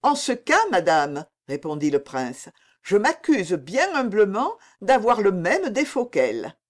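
A woman's voice: medium pitch, huge pitch swings, unhurried, pitched above the performer's own voice. A woman reading the part of a jealous, petulant young prince who answers bitterly and indignantly. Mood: aggrieved.

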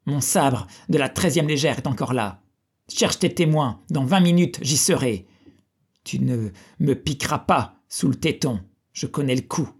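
A strong, hot-tempered former soldier with a gravelly, husky voice, firm and forceful as he throws back a challenge, as the reader plays him. He does not back down. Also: medium pitch, lively intonation, measured pace. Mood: defiant. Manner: defiant, forceful.

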